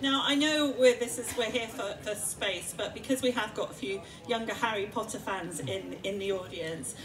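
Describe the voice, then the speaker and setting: A woman moderating a stage event before an audience, speaking haltingly with many fillers. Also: medium pitch, distant mic, a crowd in the background, rough recording. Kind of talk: moderating a public talk.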